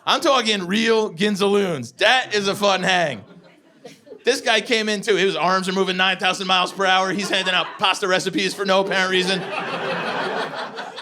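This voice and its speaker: Brash high-voiced comedian in his forties. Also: steady tone, moderate pace, bright, forceful tone. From United States. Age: 40s. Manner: brash, profane storytelling with acted-out quotes. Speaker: stand-up comedian. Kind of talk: stand-up comedy set. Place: comedy club stage before a laughing audience. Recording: live club recording with crowd laughter.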